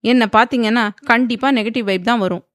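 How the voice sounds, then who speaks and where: A woman's voice: a little high, a little fast, dry recording, studio quality, voice pushed up, close to an everyday voice. A woman voicing a determined young heroine who speaks firmly and earnestly. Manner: firm, earnest.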